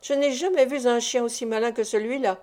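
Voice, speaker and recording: A woman's voice: a little high, brisk, lightly acted. Cheeky boastful young pickpocket, voiced by a woman in a storybook reading. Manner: boastful, lively praise.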